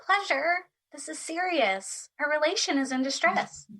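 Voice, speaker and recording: Audio drama: actress as the spirit of love, high-pitched, bright, sweetly fussy and theatrical. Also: female voice, expressive, measured pace, heavily acted. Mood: gently chiding. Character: Love, sweet airy doting embodiment of love.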